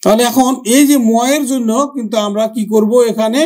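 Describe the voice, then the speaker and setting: High-voiced Bangladeshi man teaching grammar. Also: a little mellow. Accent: Bangladeshi Bengali. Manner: slow, drawn-out repetition of words. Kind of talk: exam-prep grammar lesson.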